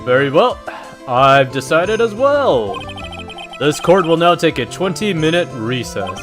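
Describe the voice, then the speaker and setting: A man's voice: a little high, sing-song, unhurried. A man reading as a formal old judge. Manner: reads judge lines aloud, adds a joking Canadian "eh". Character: stern older male courtroom judge. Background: game music.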